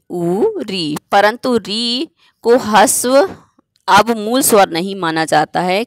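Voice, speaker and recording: A woman's voice: fairly low pitch, no room sound. A woman teacher giving a grammar lesson, explaining step by step and asking herself questions before answering them.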